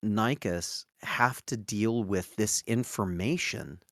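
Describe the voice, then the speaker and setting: A man with a low voice talks through a book in a relaxed podcast chat. He sounds thoughtful and pauses to find his words. The sound is close and dry, with no room around it. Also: no echo. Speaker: podcast co-host. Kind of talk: casual book discussion.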